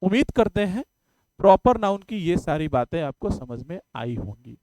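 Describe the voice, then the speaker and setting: A man gives an exam-prep English grammar lecture, with a high, bouncy voice that rises and falls a great deal. He is chatty and joking, and he keeps asking the class questions before he answers them himself. The sound is dry and close, with no room echo. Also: big pitch swings, normal speed, a little mellow.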